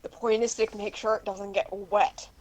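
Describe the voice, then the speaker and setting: A woman's voice: mid-range voice, flat delivery, moderate pace, darkish tone, dry recording, highs cut off. A woman talking casually as a player in a tabletop role-playing game.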